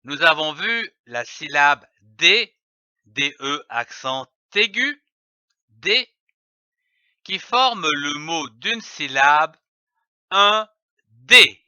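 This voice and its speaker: A man giving a scripted reading lesson, spelling letters and syllables out slowly and clearly. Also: fairly high pitch, lively intonation, pushed and bright, dry recording. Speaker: reading teacher. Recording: dull, slightly lo-fi audio.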